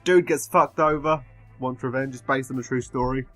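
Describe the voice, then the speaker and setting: A man's voice: mid-range voice, fairly even intonation, normal speed, a bit bright. Tipsy, rambling man over music. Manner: frequent swearing. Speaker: film reviewer. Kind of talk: casual rambling film review.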